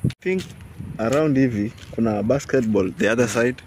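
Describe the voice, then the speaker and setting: A man's voice: mid-range voice, moderate pace. A man filming a casual walking vlog outdoors on a phone, chatty and teasing, mixing English and Swahili. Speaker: vlogger filming a walk. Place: outdoors by a stadium at dusk. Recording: outdoor street noise.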